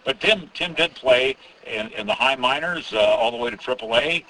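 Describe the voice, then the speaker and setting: A man's voice: medium pitch, animated, moderate pace, pushed and bright, slight background noise, rough recording. A man hosting a casual radio interview, rambling with many fillers and restarts. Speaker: radio host.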